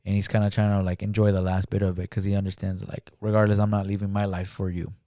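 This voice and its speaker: Low, mellow-voiced man on a podcast. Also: level tone, dry recording, studio quality. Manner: retells film scenes, acting out the lines; halting, many "like" fillers. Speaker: podcast guest. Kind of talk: casual podcast chat. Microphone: studio podcast mic.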